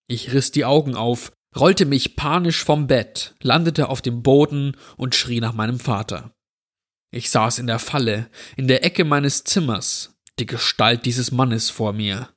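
A man narrating a scripted horror story in a slow, measured, somber way. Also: mid-range voice.

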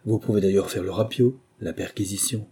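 A man's voice: on the low side, fairly quick, warm tone, husky. A man voicing a nervous petty criminal, slangy and ingratiating, in a storybook reading. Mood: relieved, eager.

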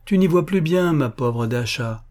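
A man's voice: fairly high pitch, expressive, unhurried, darkish tone, pitched above the performer's own voice. A man reading aloud, voicing an elderly country widow who fusses and dotes on her son in a raised voice. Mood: fussy, overjoyed. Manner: fussy, affectionate exclamations. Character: elderly Russian country widow, doting mother.

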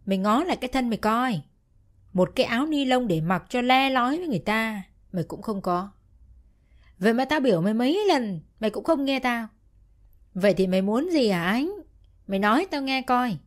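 A woman's voice: on the high side, animated, fairly quick, lightly acted. A woman voicing a drunk, bullying middle-aged stepfather who scolds in a slurred drunken voice. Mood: drunken scolding.

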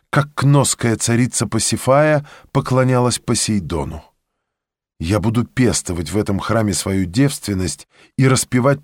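A man's voice: mid-range voice, dry recording, clean studio sound. A man reading a story, voicing a proud, passionate young woman in a fervent, declamatory way.

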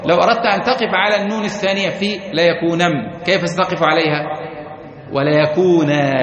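Arabic grammar teacher in an echoey hall. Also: male voice, sits high. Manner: reads the text aloud, then explains it and asks students questions; chants Quranic verses and example words slowly. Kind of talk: classroom grammar lesson explaining a text. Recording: echoey hall, muffled lo-fi sound, audience present.

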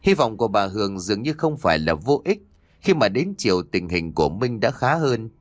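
Dramatic male storyteller, low and lively, dry close mic. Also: fairly quick, dry recording. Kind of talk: scripted horror story narration.

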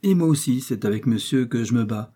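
A man's voice: mid-range voice, expressive, a little fast, mellow, husky. A man reading the lines of a pious young male musketeer, light and questioning.

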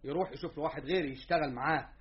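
Actor as a rebellious young Egyptian student, rattles fast and indignant, dull lo-fi radio tape. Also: male voice, on the high side, natural voice. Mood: defiant. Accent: Egyptian Arabic. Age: young adult. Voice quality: heated and indignant. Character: young male student, defiant, stubborn. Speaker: younger brother. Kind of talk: Egyptian radio drama acting.

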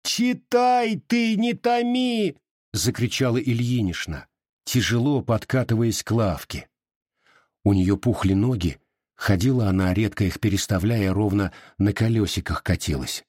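A man narrating a literary novel in a measured, expressive reading. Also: on the low side, breathy edge, no room sound, clean studio sound. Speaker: audiobook narrator.

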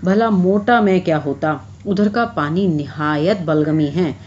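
A woman's voice: on the low side, a little mellow, muffled recording, a little hiss or hum, lightly acted. A woman reading aloud, speaking as a sheepish male lover who pleads and makes excuses. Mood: pleading.

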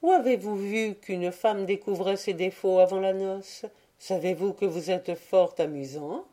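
A woman reading the part of a shrewd, self-assured young wife who teases gently but firmly, in an audiobook. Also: medium pitch, unhurried, natural voice. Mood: teasing. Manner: gently teasing, firm.

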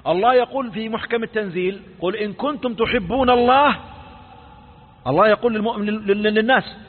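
Man, sheikh teaching a creed lesson, high voice, quick questions to the class, tinny phone-like sound, long hall reverb. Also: slightly rough. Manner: repeats phrases with false starts. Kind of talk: recorded religious lesson.

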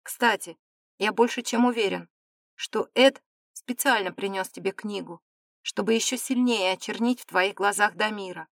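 A woman voicing a reserved young male viscount in an audiobook, with calm, restrained delivery. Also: mid-range voice, moderate pace, vocal fry, no echo, studio quality. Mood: guarded. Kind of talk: audiobook character reading.

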